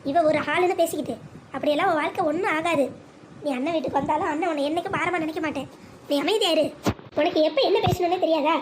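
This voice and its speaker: A stern, protective older brother in a cartoon story, voiced by a woman, scolding in a very high, brisk voice. He shields his sister and silences his wife. Steady background noise runs behind. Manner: scolding, reassuring.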